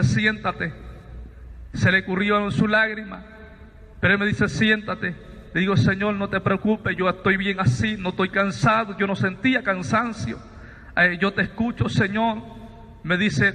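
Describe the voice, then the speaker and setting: A man's voice: high-pitched, level tone, normal speed, pushed and bright, big-room sound. A male evangelist preaching a fervent testimony sermon, telling his story and often addressing listeners as brothers.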